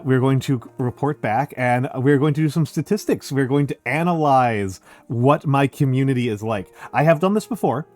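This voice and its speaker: A man's voice: mid-range voice, darkish tone. An older man hosting a casual livestream as a VTuber, chatting with viewers and often repeating his phrases. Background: background music.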